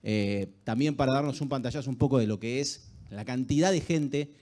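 A man with an Argentine accent moderating a live conference panel in a halting way, often repeating words. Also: mid-range voice, warm tone. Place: large auditorium stage, indoors. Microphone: handheld microphone.

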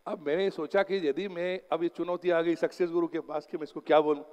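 A man's voice: a little high, fairly even intonation, a little fast, a little mellow, clear, resonant tone. A man giving a motivational seminar talk as an exam coach, telling stories and mixing English phrases into his Hindi. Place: lecture hall. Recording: long hall reverb.

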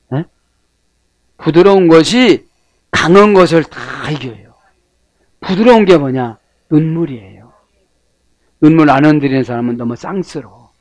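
A man preaching a sermon, often prompting his listeners with short questions and swinging between emphatic and hushed lines. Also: on the high side, no echo. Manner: rhetorical questions, frequent prompting "eh?". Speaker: pastor.

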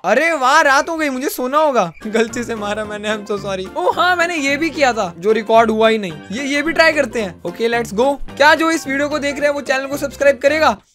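A man's voice: extremely high pitch, brisk, few pauses, fairly bright tone, faint music behind. A young man with an Indian accent giving joking, self-mocking commentary while playing a game, mixing English into his talk. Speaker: gaming YouTuber. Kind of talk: casual gameplay commentary.

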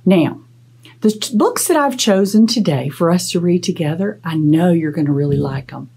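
A middle-aged librarian hosts a children's storytime in a small indoor room with a plain wall, talking and reading aloud in an instructive, playfully dramatic way. Her lowish voice is animated, gravelly and mellow with a breathy edge, at normal speed.

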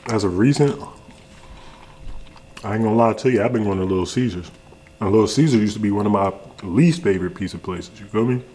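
In a home kitchen, a young adult American video host eats on camera and gives a laid-back, slangy food review. He talks fairly quickly but with long pauses, in a fairly low, dark-toned voice, and there's a little hiss or hum.

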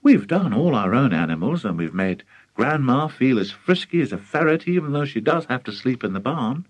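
A man's voice: medium pitch, big pitch swings, normal speed, dry recording. A man voicing an earnest, questioning little boy in a children's storybook, hesitant and pleading. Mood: puzzled.

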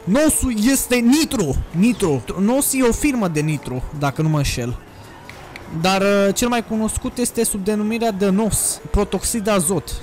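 Young male gamer, high-voiced, crude and excitable, shouting bursts, casual play-by-play on a desk mic with faint game music behind. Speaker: gaming youtuber. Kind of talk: casual gameplay commentary. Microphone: desk USB microphone.

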